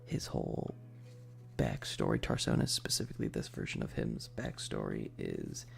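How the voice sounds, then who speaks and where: During a soft, casual ASMR livestream, a male streamer talks in a very deep, gravelly, darkish voice at an unhurried pace. He's hesitant and rambling, pausing often and frequently slipping into breathy whispers.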